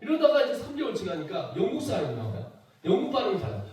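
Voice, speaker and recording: 50s korean preacher guy, from south chungcheong, high voice swinging all over, super echoey church hall, mic far off. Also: fast, crowd noise. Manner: animated storytelling, acts out voices, laughs often. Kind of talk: lively testimony sermon.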